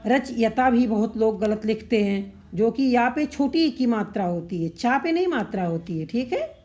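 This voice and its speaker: A woman's voice: on the high side, expressive, normal speed, mellow. A woman teaching Hindi synonyms and spelling for exams, running through word pairs and checking in with "ठीक है" as she goes. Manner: repetitive, drilling word pairs with frequent "ठीक है". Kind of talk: explanatory exam-prep lesson.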